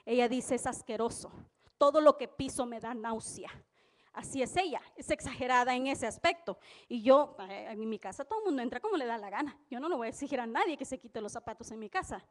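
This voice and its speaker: A woman preaching at a church service, telling lively personal stories with frequent exclamations of praise. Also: on the high side, brisk. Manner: animated storytelling, exclamations of praise. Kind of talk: live church preaching with anecdotes.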